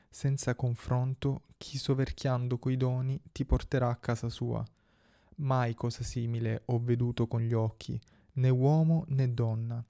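A humble, pleading castaway worn out by the sea, read by a man in a low, gravelly, mellow voice. His delivery is solemn and measured, kept flat and even, as in an epic storybook reading. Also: no echo, clean studio sound. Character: weary shipwrecked male wanderer, humble and pleading.

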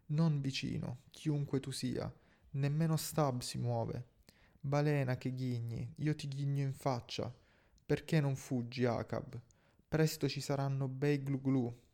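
Man doing a jeering sailor, slow and sardonic, dark gravelly tone. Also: medium pitch, fairly even intonation. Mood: defiant. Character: defiant mocking second mate, jokey man.

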